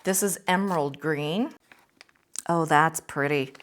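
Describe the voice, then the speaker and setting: A woman hosting an art channel, a teacher reviewing watercolors in a casual vlog, full of excited exclamations. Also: deep voice, slow pace. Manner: enthusiastic, gushing exclamations.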